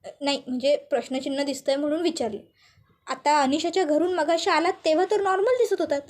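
A woman voicing a gentle young husband who jokes and coaxes while second-guessing himself. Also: high voice, quick pace, natural voice. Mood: teasing.

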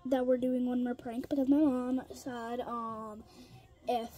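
A woman's voice: a little high, fairly even intonation, measured pace, warm tone, soft background music. A woman voicing kid characters in a pet toy role-play, rambling with lots of ums and restarts and slipping into whispered asides. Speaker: toy figure video creator.

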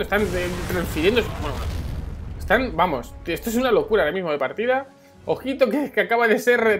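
A woman with a Spain Spanish accent giving excited game commentary, repeating phrases and bursting into shouts, with music behind her. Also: fairly high pitch. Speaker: esports caster.

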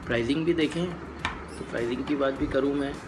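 A man giving a casual review of a collectible toy, talking unhurriedly with many "uh" pauses and English words mixed into his Hindi. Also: mid-range voice, background noise.

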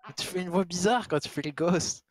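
A man's voice: sits high, fairly quick. A young man playing in an online role-playing game, chatting in casual slang. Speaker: role-play player.

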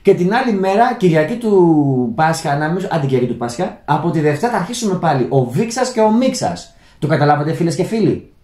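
Greek man, lively rambling host, dark voice, echoey room. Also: on the high side. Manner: rambling, many restarts, addresses "friends". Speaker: channel host. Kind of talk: unscripted monologue to viewers. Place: Germany, indoor room.

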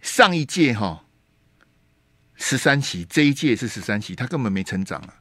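A man's voice: medium pitch, very animated, moderate pace, fairly bright tone, no room sound. A man with a Taiwanese Mandarin accent hosting a radio show, giving emphatic political commentary full of rhetorical questions and dropping in Taiwanese Hokkien words. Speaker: radio talk show host. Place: radio studio. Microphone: studio microphone.

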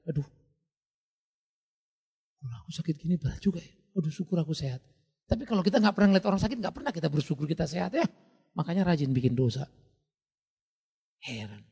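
Male pastor, gravelly and husky, fairly high-pitched, preaching with loud outbursts and soft asides; reverberant church hall. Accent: Indonesian. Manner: animated preaching with sudden loud bursts and quiet drops. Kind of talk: sermon.

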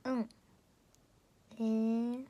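A teenage girl with a Kansai Japanese accent chats casually on a livestream, reading out viewer comments. She teases her viewers playfully in a voice pitched a little above average. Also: flat delivery, extremely slow, dull audio. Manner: playful and teasing, chatty. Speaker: idol audition candidate streaming live.

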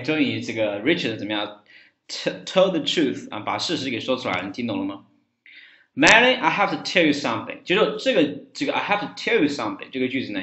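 A male English teacher walks through a dialogue, repeating phrases slowly to show how they sound. His pitch swings up and down in an animated way, and the roomy recording sounds dull and lo-fi. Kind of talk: language lesson explaining dialogue.

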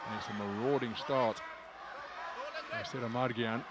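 A man's voice: mid-range voice, fairly even intonation, moderate pace, heavy background noise. A man giving live boxing commentary, fluent and articulate play-by-play with vivid wording.

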